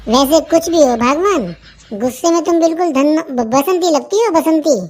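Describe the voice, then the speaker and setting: A performer voicing a timid, henpecked cartoon husband who stammers and wheedles, in comic cartoon dialogue. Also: very high voice. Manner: stammering, wheedling and fumbling for words.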